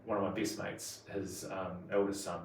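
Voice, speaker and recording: A man's voice: sits low, flat delivery, moderate pace. A man in his forties with a broad New Zealand accent, chatting casually in a slangy, colloquial way as an interview guest. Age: 40s. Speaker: podcast guest. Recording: roomy echo, distant mic, faint noise.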